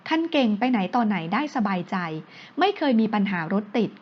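A woman reading a romance audio novel aloud with a steady storytelling delivery. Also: fairly high pitch, a little fast, slightly rough, highs cut off. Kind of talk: scripted narration of a romance novel.

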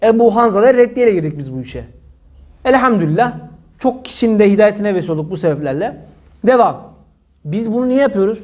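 A man's voice: high-pitched, lively intonation, fast talker, a little mellow, dull audio. A man giving an impassioned religious monologue, indignant and emphatic, repeating his phrases and using many pious formulas. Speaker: religious commentator.

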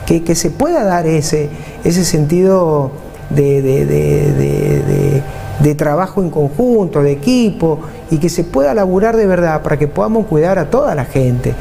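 A man in his forties from San Juan, Argentina, with an Argentine Spanish accent, sits at a table in a TV studio answering an interview as a mayor running for vice-governor. His voice is fairly high yet dark, expressive, creaky and a little slow, with slight hiss or hum in the audio. Earnest, he repeats points for emphasis and speaks with his hands.

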